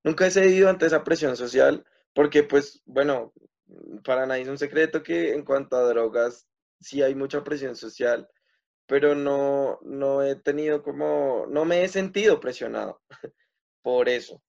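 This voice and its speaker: Young man, casual question-and-answer chat, hesitant, lots of fillers, mid-pitched, slightly muffled recording. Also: a little slow, vocal fry, darkish tone. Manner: hesitant, many fillers and restarts. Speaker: video creator answering questions.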